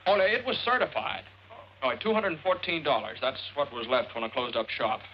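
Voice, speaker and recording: Actor as an easygoing young nephew, gentle drawl, muffled old film audio. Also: male voice, medium pitch, a little fast, a little hiss or hum, lightly acted. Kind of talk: 1940s film acting.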